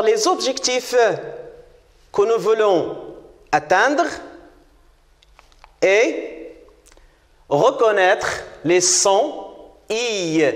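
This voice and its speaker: A man leads a children's reading lesson at a very slow, deliberate pace, repeating each word and praising often. His voice sits high and swings widely in pitch. The recording has a roomy echo with a long reverb tail. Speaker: primary school teacher.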